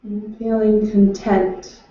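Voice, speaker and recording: A woman leading a guided meditation, speaking in slow, soothing, unhurried instructions from far off in an echoing room. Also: mid-range voice, flat delivery, warm tone. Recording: distant, echoey and dull.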